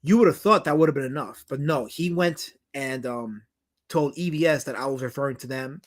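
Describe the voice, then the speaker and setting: This documentary director has a medium-pitched voice, a New York accent and a slightly fast delivery. He hosts a laid-back livestream, responding to viewer questions in an emphatic, meandering style full of restarts and repeats.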